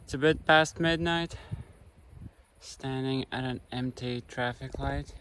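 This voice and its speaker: A young man from Latvia, talking to his camera outdoors during a long bike ride, halting and full of fillers. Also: medium pitch, steady tone, fairly bright tone, poor audio. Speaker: cyclist filming himself. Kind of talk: on-the-go vlog talk. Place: outdoors on the road. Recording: outdoor road and wind noise.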